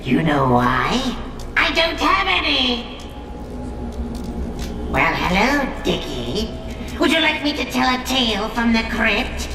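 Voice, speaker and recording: A man voicing a gleefully ghoulish undead horror host with a shrill rasp, theatrical and punning, on a TV show. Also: big pitch swings, takes it slowly, pauses often, exaggerated voice. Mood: gleefully macabre. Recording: roomy, distant, music underneath.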